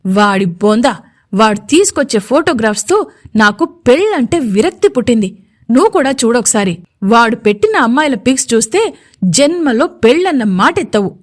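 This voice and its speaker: A woman's voice: fairly high pitch, big pitch swings, moderate pace. A woman voicing a young male CEO in a romantic audio story, playful and teasing in manner. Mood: irritated.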